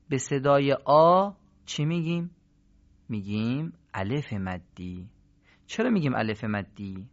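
Male Quran recitation teacher, mid-pitched, explanatory lesson delivery, muffled lo-fi sound. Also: fairly bright tone. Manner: explanatory, asks rhetorical questions and answers them. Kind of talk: recorded lesson. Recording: dull lo-fi audio.

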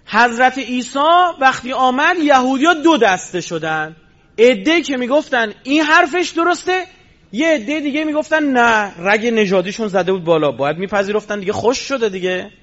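High-voiced man preaching, lo-fi. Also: a bit bright. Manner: asks rhetorical questions and answers them. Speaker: religious lecturer. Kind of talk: storytelling sermon. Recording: dull lo-fi recording.

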